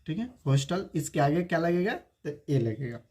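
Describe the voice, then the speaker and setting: A male teacher giving an online spoken-English lesson, spelling words out slowly letter by letter and quizzing viewers with repeated rhetorical questions. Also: fairly high pitch, sing-song, a little mellow.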